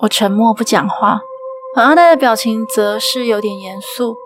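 A woman host with a Taiwanese Mandarin accent narrating a ghost story in a steady, suspenseful way. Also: fairly high pitch, normal speed, soft background music.

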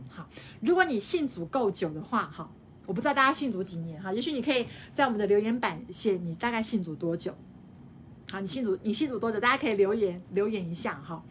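A woman teaching a live-streamed Bible study, explaining by repeating her phrases and tagging sentences with a soft "ha". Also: mid-range voice, expressive, fast, a little hiss or hum.

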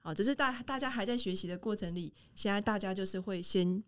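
A woman's voice: mid-range voice, fast talker. A woman speaking as a podcast guest, explaining her view thoughtfully with small restarts. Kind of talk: casual podcast chat.

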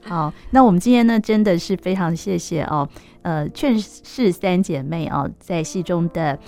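A woman with a Taiwanese Mandarin accent hosts a relaxed interview, her voice sitting a little low. She keeps the talk flowing with steady little affirmations. Faint music plays softly under her voice. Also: normal speed. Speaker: radio host. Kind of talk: casual interview.

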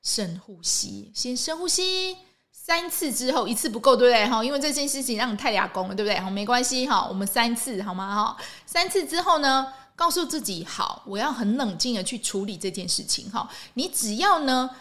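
Woman podcast host, fairly high voice, relaxed solo talk, keeps adding "ha" and asking "right?". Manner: ends phrases with a soft "ha" tag, asks rhetorical questions. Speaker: medical worker.

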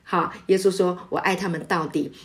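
Woman pastor, middle-aged, lowish voice, emphatic sermon delivery with many fillers. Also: steady tone, moderate pace. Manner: warm, emphatic preaching with frequent filler sounds.

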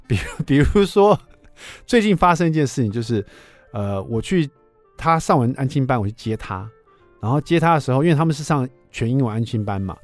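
A man, hosting a radio show and telling a story in a chatty, lively way. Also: medium pitch, fairly quick, no room sound, faint music behind. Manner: lively, chatty, asks listeners for agreement. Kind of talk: casual storytelling on talk radio. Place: radio studio.

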